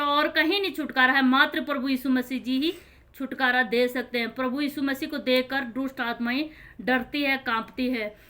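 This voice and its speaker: A woman gives an earnest, informal Bible explanation in a high, bright, ringing voice. She keeps restating each verse in her own plain words. She speaks directly to her listeners.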